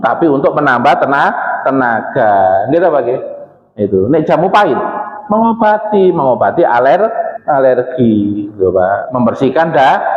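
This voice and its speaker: A man with a Javanese accent preaching in a mosque, chatty and questioning the congregation. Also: mid-range voice. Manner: conversational, asks the congregation questions, mixes in Javanese. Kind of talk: religious study talk. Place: mosque hall. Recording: echoey hall, dull lo-fi sound.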